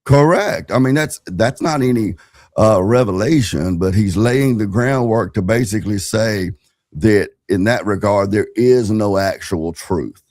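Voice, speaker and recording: A man's voice: fairly low pitch, measured pace, a little mellow, no echo, studio quality. A middle-aged man giving wry, rambling casual commentary on a panel, with chuckling asides. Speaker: panel guest.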